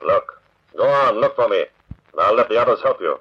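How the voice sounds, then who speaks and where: An actor playing an invisible crime fighter in an old radio drama, taunting and commanding, with a husky voice. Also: male voice, on the low side, lively intonation, muffled recording. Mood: menacing, taunting. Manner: slow taunting, commanding delivery. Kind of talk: vintage radio drama acting.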